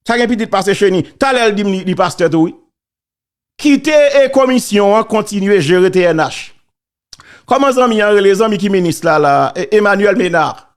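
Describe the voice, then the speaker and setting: A man's voice: high-pitched, expressive, normal speed. A man with a Haitian accent giving casual spoken commentary on church and politics, preachy and emphatic, repeating key phrases.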